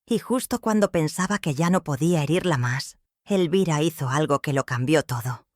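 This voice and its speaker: A woman narrating a scripted family drama in a measured, dramatic way. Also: low voice, expressive, darkish tone, no echo, studio quality.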